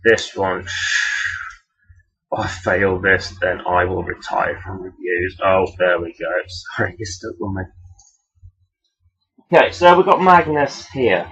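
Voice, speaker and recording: A man's voice: low voice, takes it slowly, long pauses, a bit bright, breathy edge. A man giving a casual, rambling toy review in a hesitant, self-deprecating, blunt and sweary way. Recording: dull, lo-fi sound.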